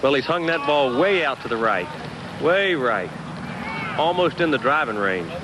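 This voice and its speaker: A man's voice: medium pitch, lively intonation, normal speed. A man giving live golf commentary from out on the course. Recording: outdoor course report, background noise.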